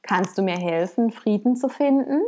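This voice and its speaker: A woman's voice: medium pitch, lively intonation, normal speed, mellow, lightly acted. A woman voicing a frustrated wealthy man who complains and wails in a told story. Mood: pleading. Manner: complaining, wailing.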